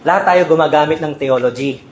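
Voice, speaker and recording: A man's voice: fairly high pitch, a little fast, slight background noise. Echoey man preaching a sermon. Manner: conversational preaching, frequent rhetorical "no?" checks; mixes Tagalog and English. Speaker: pastor. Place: church sanctuary. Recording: echoey church hall with faint ambience.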